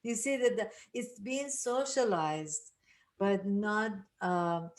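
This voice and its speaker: A woman's voice: medium pitch, slow. An older woman from Iran leading a grief workshop, speaking earnestly with many restarts and rhetorical asides. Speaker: workshop facilitator. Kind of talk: reflective teaching talk.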